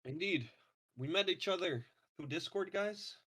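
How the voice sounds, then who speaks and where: A man in his twenties hosting a casual podcast, relaxed and hesitant with many ums. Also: sits high, a little slow, breathy edge. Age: 20s. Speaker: podcast host. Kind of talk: casual chat.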